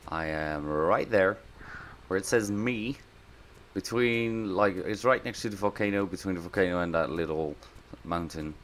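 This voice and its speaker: A man with a lowish voice giving casual gameplay commentary as host of a let's play. He talks through what he is doing and often breaks into loud, surprised outbursts. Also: moderate pace, a little hiss or hum. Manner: excitable, bursts into loud surprised exclamations.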